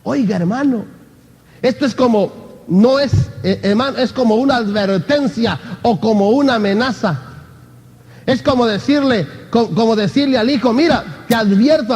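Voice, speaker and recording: A man preaching an impassioned sermon as pastor, addressing the congregation again and again as brother. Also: very high voice. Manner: impassioned preaching, often calling out "hermano". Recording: long hall reverb.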